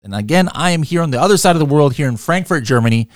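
A man hosting a podcast, upbeat, with frequent quick restarts as he asks questions. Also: a little high, animated, dry recording, clean studio sound. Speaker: podcast host.

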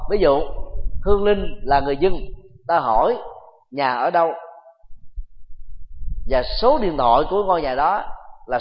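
A man, a Buddhist monk, giving a dharma talk with measured, deliberate phrasing and pauses. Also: on the high side. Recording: dull lo-fi recording with long hall reverb.

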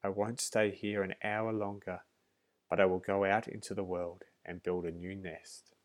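A haughty, wicked queen bee from a storybook, scornful of her subjects, as a man reads her part. The voice is deep and low, much like the reader's own. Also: level tone, moderate pace, lightly acted. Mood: indignant. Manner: haughty and indignant.

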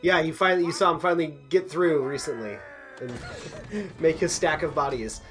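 A man's voice: a little high, moderate pace, a bit bright, soft background music. A man co-hosting a casual TV podcast, enthusiastic and rambling, laughing often. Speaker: podcast co-host. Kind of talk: casual chat.

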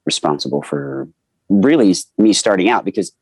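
Lively deep-voiced man telling stories. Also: normal speed, slightly rough, no room sound. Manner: animated anecdote teller who acts out quoted voices. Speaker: voice actor guest. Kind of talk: casual interview storytelling.

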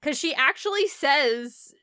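A woman's voice: high-pitched, animated, a little slow, pushed and bright, no room sound, clean studio sound. A young woman co-hosting a casual movie recap podcast, emphatic and jokey, often laughing into her lines. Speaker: podcast co-host.

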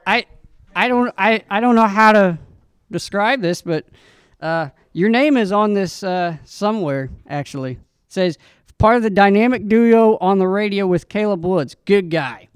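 A teenage boy co-hosting a school morning radio show, excitable and stammering, with big dramatic reactions. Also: high-pitched, moderate pace, smooth, dry recording, clean studio sound. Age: teens. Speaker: student radio co-host.

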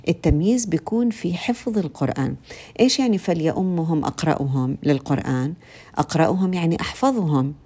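A woman's voice: sits low, lively intonation, fast, dark tone, husky. A woman with a Levantine Arabic accent giving an informal religious talk, speaking to her listeners directly with many fillers and restarts.

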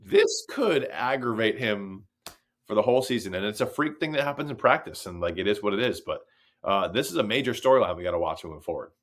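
Low-voiced sarcastic sports podcast host. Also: male voice, expressive, brisk, fairly bright tone. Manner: sarcastic, profane, conversational. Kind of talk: casual sports chat.

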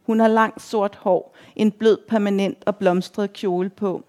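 A woman reads a first-person literary story aloud in an even, measured way. When her narrator shouts, she lifts her voice noticeably higher and louder. Her pitch otherwise sits in a middle range for a woman. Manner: measured reading, quoted shouts raised high and loud.

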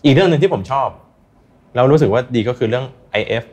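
A man's voice: medium pitch, lively intonation, fast talker, a little mellow, breathy edge. A man speaking as an interview guest, earnestly sharing personal experience and advice in a casual chat. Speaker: interview guest, recreational runner.

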